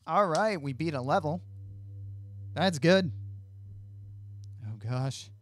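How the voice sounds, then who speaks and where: A man's voice: a little high, animated, takes it slowly. A young man giving casual gameplay commentary on a headset, reacting aloud with mild exclamations. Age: young adult. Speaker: let's play host.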